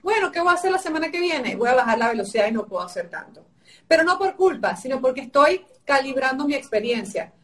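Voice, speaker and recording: Woman, high voice, tired sore-throated sound, emphatic coaching talk, live video call, slightly off-mic. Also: big pitch swings, quick pace, far from the mic. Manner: emphatic, repetitive teaching phrasing. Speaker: guest coach. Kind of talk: live-stream advice talk.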